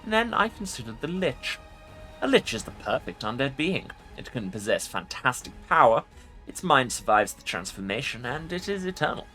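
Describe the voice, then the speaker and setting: A man's voice: medium pitch, sing-song, normal speed, bright, forceful tone, faint music behind, voice pushed up, poor audio. A man voicing an ancient undead lich from a fantasy game, arrogant and imperious, with pompous formal speech. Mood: grandiose. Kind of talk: dramatic video game role-play reading.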